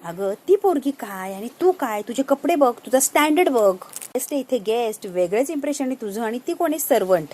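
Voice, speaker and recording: A woman's voice: fairly high pitch, animated, brisk, warm tone. A woman voicing a haughty, snobbish rich young woman speaking with scorn in a TV serial recap. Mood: scornful.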